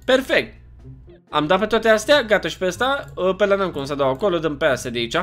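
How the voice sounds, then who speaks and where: A man's voice: sits high, faint music behind. A young man with a Romanian accent, chatty and jokey, giving casual commentary while playing a video game. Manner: chatty, animated, jokey, often puzzled and exclaiming. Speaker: gaming YouTuber.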